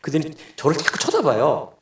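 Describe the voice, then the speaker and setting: A man's voice: on the high side, huge pitch swings, a little fast, noisy background. A middle-aged male pastor preaching a sermon, telling a family story and acting out the dialogue. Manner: storytelling, acts out dialogue in quoted voices. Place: church sanctuary. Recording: echoey church hall, distant mic.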